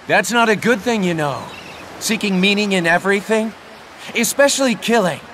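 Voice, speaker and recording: A man's voice: sits high, expressive, moderate pace, a little hiss or hum. An actor playing a cocky, laid-back young male assassin who taunts his foes in a game. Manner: swaggering, taunting. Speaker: assassin hero. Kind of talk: video game voice acting. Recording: game audio with loud music.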